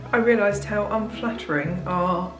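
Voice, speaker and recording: A woman's voice: mid-range voice, roomy sound, low-quality recording. A British woman in her thirties chatting candidly in a casual food vlog from her home kitchen, laughing easily as she talks. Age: 30s. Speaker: diet plan consultant and vlogger.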